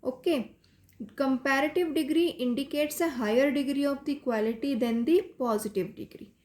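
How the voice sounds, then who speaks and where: A high, clear woman's voice with an Indian English accent, teaching a grammar lesson to children. She walks through each rule step by step, drawing out the English examples slowly and carefully. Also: a little mellow. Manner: explains step by step, rapid in Hindi, slow and deliberate in English. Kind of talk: classroom lesson, mixing Hindi and English.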